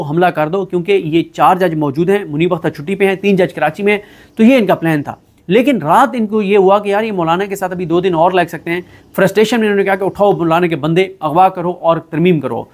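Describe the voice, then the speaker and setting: A man giving a solo political commentary. He talks in an animated, emphatic way, often pausing with fillers. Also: on the high side. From Pakistan.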